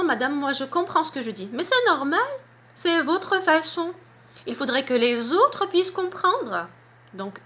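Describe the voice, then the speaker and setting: Woman, public speaking teacher, video lesson, very animated pitch, emphatic careful articulation. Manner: emphatic, deliberate articulation with demonstrations.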